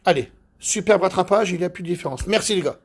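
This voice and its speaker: A man who details cars, chatting casually while he works, excitable, boastful and rambling, with a husky voice. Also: sits high, quick pace. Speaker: car detailer. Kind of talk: casual chat while working.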